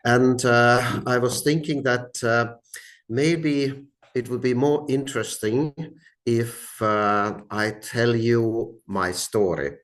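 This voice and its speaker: A middle-aged man with a non-native English accent tells his story in an informal lecture, very hesitantly, with many filled pauses and repeated words. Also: mid-range voice, fairly even intonation, a bit bright. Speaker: speaker giving a talk, art collector.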